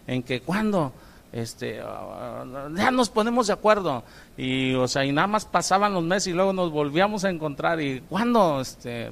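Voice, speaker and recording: A middle-aged man with a Mexican Spanish accent, a pastor giving an informal church talk with halting speech full of fillers and tag questions. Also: on the high side, gravelly.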